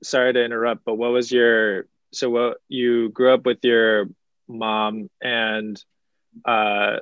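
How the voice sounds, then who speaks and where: A man's voice: medium pitch, clean tone, dry recording, phone-quality sound. A man hosting a podcast, talking casually with many fillers and restarts. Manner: relaxed, halting, many fillers. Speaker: podcast host.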